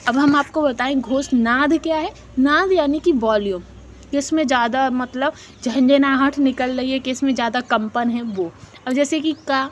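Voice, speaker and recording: A high-pitched woman teacher leads an exam-prep lesson and keeps asking and answering her own questions. She sounds out syllables again and again as she explains, with English words mixed into her talk. Faint noise hums behind her. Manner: repeats syllables to demonstrate sounds; mixes English words into Hindi.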